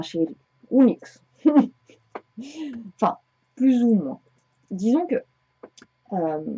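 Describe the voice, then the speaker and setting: A woman's voice: fairly high pitch, warm tone, slightly rough. A woman in her thirties chatting casually to viewers about her knitting and sewing projects, rambling with many hesitations. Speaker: knitting podcaster. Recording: dull lo-fi home recording.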